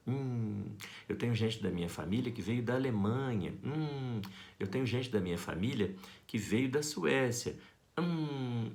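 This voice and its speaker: A Brazilian man giving a school art lesson, talking to his students in a playful, affectionate and expressive way. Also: on the low side, gravelly. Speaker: art teacher.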